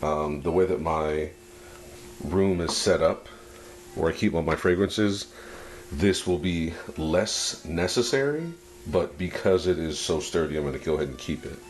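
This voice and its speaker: Very deep, slow-talking man, casual unboxing commentary. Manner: laid-back, approving, thinking aloud in short halting phrases. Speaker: fragrance reviewer.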